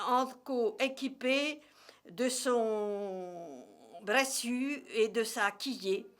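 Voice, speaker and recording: A woman with a rural Morvan accent from Burgundy, reading a story aloud in regional dialect in a deliberate, measured way. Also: on the high side, fairly bright tone.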